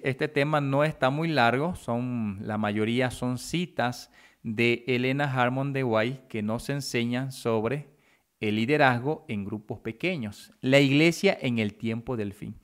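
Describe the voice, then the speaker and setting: A man preaching as a pastor, teaching a lesson on leadership, reading quotations slowly and rising emphatically on key words. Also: medium pitch, a bit bright. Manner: slow, deliberate delivery, reading quotations aloud.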